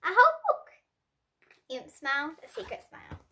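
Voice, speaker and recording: Reading a children's story aloud, a young girl uses a high, clear voice whose pitch swoops wildly, moving at a moderate pace. She lifts her tone to give each character expression in the dialogue. The audio remains bright and sharp, with a little hiss or hum.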